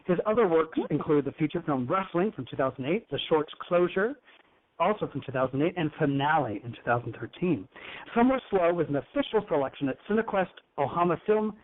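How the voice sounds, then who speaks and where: Campy gushing guy hosting a talk show, higher voice, tinny phone-line sound. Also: animated, fairly quick. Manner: flamboyant, teasing, effusive.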